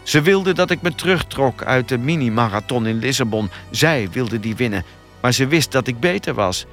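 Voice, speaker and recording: A man's voice: medium pitch, animated, normal speed, fairly bright tone, faint music behind. A man voicing a frightened young woman who stammers and cries out frantically. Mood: desperate. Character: terrified young woman, a runner, pleading.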